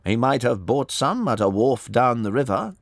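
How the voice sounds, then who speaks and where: A man reading an audiobook, voicing a shrewd, courteous gentleman detective in a measured, smooth-talking manner. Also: medium pitch, big pitch swings, no echo, clean studio sound, pitched above the performer's own voice. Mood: mildly disappointed. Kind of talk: audiobook character voice.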